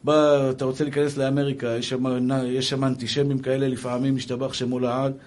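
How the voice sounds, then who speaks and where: A man's voice: medium pitch, level tone, a little mellow. A man giving a religious lecture, telling stories emphatically and calling his listeners brothers. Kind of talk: Hebrew sermon with anecdotes.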